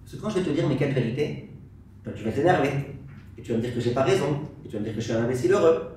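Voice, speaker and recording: A man teaching a Torah class as a rabbi, animated, acting out angry exchanges and quizzing his audience. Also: medium pitch, rapid-fire. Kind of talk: lively Torah lesson to an audience. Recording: very echoey room, voice from far off, faint hiss.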